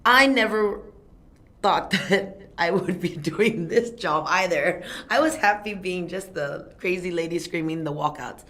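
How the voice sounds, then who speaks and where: A young woman from Thailand who announces fight events chats casually in an interview, telling animated stories and laughing often. Her voice is on the low side and her pace unhurried.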